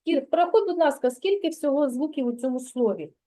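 A woman preschool teacher with a Ukrainian accent giving a slow, patient literacy lesson, sounding out words for a child. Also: high voice, animated, dark tone.

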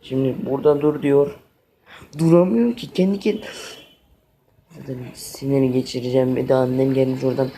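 A man's voice: mid-range voice, fairly even intonation, fairly quick, gravelly, long pauses, dark tone, slight background noise. A man playing a video game and commenting as he goes, exasperated, talking both to the game and to his viewers. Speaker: gaming channel host. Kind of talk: let's play commentary.

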